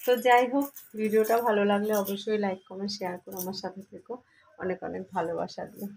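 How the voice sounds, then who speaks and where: A woman's voice: mid-range voice, fast, gravelly, darkish tone, faint music behind, low-quality recording. A middle-aged woman chatting casually to her viewers while cooking at home, filmed on her phone, now and then breaking off to coax her dog. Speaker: home vlogger. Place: room at home. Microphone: phone camera.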